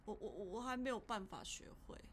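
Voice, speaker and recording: A woman co-hosting a podcast in a casual, heartfelt chat with a Taiwanese Mandarin accent, halting and repeating words as she speaks. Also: mid-range voice, a little hiss or hum. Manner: emotional, halting, repeats words when upset. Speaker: podcast co-host.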